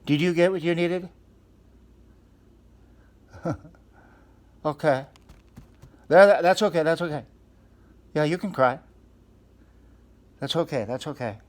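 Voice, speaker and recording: A man's voice: a little high, normal speed, long pauses. A man hosting a mock-serious comedy talk show in a studio, earnestly questioning food as if it were a guest.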